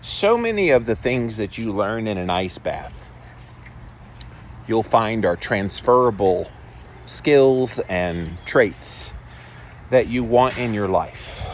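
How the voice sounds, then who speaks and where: Low-voiced man vlogging over background noise. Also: very animated, takes it slowly. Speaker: vlog host. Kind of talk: casual vlog monologue to viewers. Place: backyard, outdoors. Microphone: handheld phone. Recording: noisy handheld phone recording.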